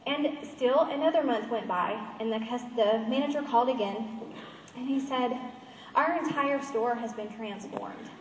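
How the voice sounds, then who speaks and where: A high-pitched woman speaks earnestly to a conference crowd, close to tears as she tells her story. She sounds distant from the mic, and her voice rings through a big echoing hall with a faint background hum. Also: normal speed. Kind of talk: motivational presentation. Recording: echoey hall, far from the mic.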